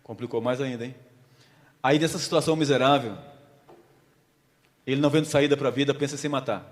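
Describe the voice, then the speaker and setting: A man's voice: medium pitch, brisk. Preacher man in a reverberant hall. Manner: storytelling, asks the congregation questions. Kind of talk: sermon with a volunteer illustration.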